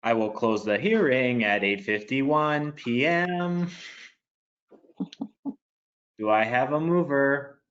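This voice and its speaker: A man chairing a municipal council meeting in a flat, monotone way, reading items and calling votes. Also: mid-range voice, slow pace, pauses often, highs cut off. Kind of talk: formal meeting procedure.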